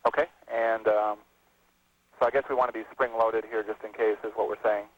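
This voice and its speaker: A man's voice: lowish voice, level tone, brisk. Man on a tinny radio comms loop. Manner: methodical, asks short procedural questions. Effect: radio comms loop transmission. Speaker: launch test director. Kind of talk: mission control loop communications. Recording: narrow phone-like radio band, dry.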